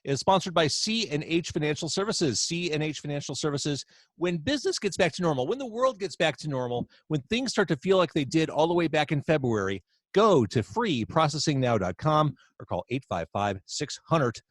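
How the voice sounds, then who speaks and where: A man with a fairly high voice speaks at a moderate pace, with no room sound. He's a podcast host chatting over a video call from home during quarantine, lively, jokey and playful.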